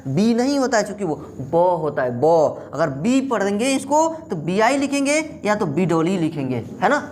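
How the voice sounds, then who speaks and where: A woman's voice: medium pitch, sing-song, a little mellow, slight background noise. Woman teaching english letter sounds in hindi, keeps asking and answering her own questions. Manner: repeats questions and answers them herself; drills letter sounds slowly. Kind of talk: classroom lesson.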